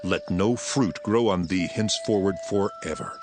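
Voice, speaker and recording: An actor playing Jesus as an authoritative teacher in a dramatized scripture reading, solemn and emphatic. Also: male voice, deep voice, normal speed, natural voice. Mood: commanding. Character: Jesus, authoritative male teacher telling parables. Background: background music.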